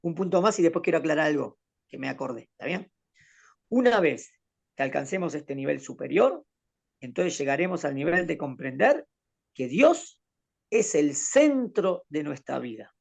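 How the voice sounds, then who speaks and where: A man leads a Torah lesson, speaking in a somewhat high voice with plenty of creak and gravel. He explains patiently and keeps checking in with his student through questions. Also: animated, normal speed. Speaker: rabbi teaching a Torah class.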